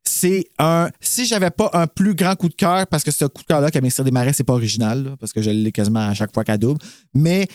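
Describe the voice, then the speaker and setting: A man's voice: a little high, darkish tone, no room sound, clean studio sound. A man co-hosting a horror podcast in Quebec French, rambling and enthusiastic as he shares his impressions. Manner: rambling, enthusiastic, frequent restarts and laughs. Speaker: podcast co-host. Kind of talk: casual podcast chat.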